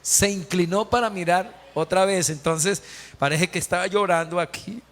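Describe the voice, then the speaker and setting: A man's voice: high voice, normal speed, a bit bright. A man preaching a sermon as pastor, emphatic, quizzing the congregation with repeated questions. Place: church hall. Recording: long church hall reverb.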